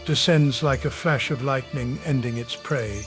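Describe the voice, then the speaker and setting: A man narrating a nature documentary from a script in a dramatic, measured, portentous way. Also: medium pitch, fairly bright tone. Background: music.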